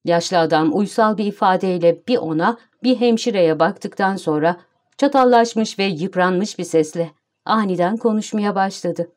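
A woman narrates an audiobook at a steady, measured pace. Her voice is mid-pitched and even. She keeps a calm storytelling tone throughout. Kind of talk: scripted narration.

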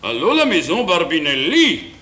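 An actor playing a Frenchman who fakes a Russian taxi driver on the phone, with an overdone put-on Russian accent and drawn-out, giggling delivery. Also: fairly high pitch, wildly swooping pitch, bright, forceful tone, full character voice. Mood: hammy. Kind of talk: stage comedy acting. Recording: roomy stage sound, faint hiss.

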